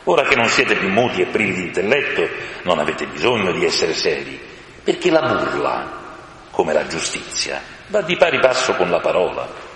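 Man reading a storybook lion king: deep, slow, solemn, roomy echo. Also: very animated, fairly bright tone. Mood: gentle. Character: majestic stern but joyful male lion. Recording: reverberant room with faint hiss.

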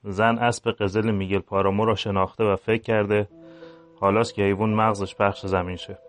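Man reading a novel aloud, measured literary narration, low voice, faint music behind. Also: little pitch movement. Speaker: reader.

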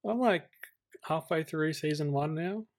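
A film podcast co-host chats in an easygoing, conversational way. His voice is a little high and a little mellow, at a measured pace.

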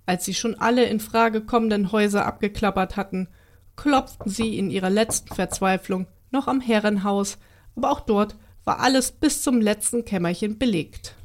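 A woman reading a children's Christmas story aloud in a calm, expressive storytelling manner. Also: mid-range voice, normal speed.

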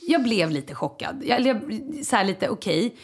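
A woman, chatting on a podcast and telling a story with plenty of energy. She swings her pitch up when she quotes others and acts out the people in her tale. Her delivery is casual and quick. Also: sing-song, husky. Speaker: podcast co-host. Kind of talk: casual chat.

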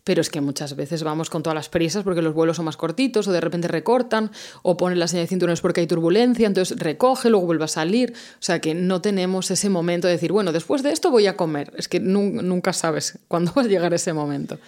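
A woman who works as a flight attendant, a guest in a casual interview, telling stories about her work in a chatty, animated way. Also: fairly low pitch, a little fast.

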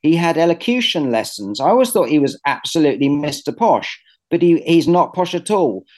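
A man's voice: on the high side, big pitch swings, brisk, darkish tone. British man chatting casually, hesitant and rambling. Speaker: artist being interviewed. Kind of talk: casual conversational interview.

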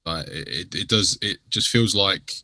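A man's voice: deep voice, unhurried, sharp tone, no room sound. A man in casual football chat, swearing and repeating words as he argues his point. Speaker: football fan podcast panellist.

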